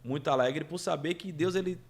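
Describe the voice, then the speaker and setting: A man chats as a podcast guest, spinning anecdotes with energy and frequent laughter. His voice sits a bit high for a man. He tells the stories in a relaxed, conversational way. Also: a little fast. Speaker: podcast guest, event producer. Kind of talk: casual storytelling chat.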